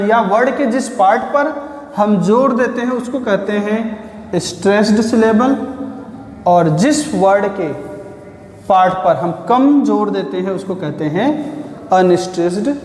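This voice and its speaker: A man's voice: sits high, slow, darkish tone. A male teacher giving a classroom-style lecture, patiently explaining, putting questions to the children and then answering them himself. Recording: echoey room with long reverb.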